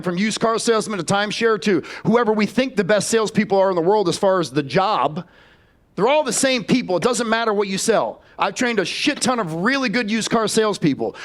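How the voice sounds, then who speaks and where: A man giving a blunt, profane sales talk at a live seminar, speaking straight to the audience. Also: high voice. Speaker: sales trainer.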